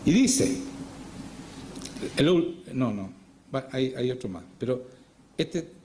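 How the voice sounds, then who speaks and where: During a church service, a pastor preaches a Sunday sermon, frequently asking his congregation rhetorical questions. His mid-range voice is very animated, slow, and a little mellow, with slight background noise behind it.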